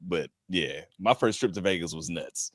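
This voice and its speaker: A man's voice: low-pitched, moderate pace, no room sound, clean studio sound. A man co-hosting a podcast, telling a story in casual chat and laughing now and then. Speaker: podcast co-host.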